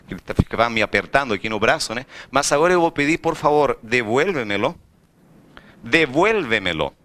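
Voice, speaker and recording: A man's voice: medium pitch, fast. A man teaching Spanish in a classroom, often asking the students questions. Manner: lively, rhetorical questions to students. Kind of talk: recorded classroom lecture.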